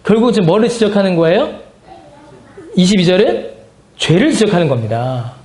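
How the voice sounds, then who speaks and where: High-voiced pastor teaching in an echoey room. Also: male voice, sing-song, brisk, a little mellow. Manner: asks the class questions and answers them himself; repeats key phrases for emphasis. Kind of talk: Bible study teaching. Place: church meeting room.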